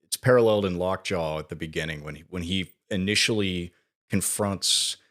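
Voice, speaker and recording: A man's voice: low voice, moderate pace, a bit bright. A man co-hosting a podcast, casually retelling film scenes in detail. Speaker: podcast co-host.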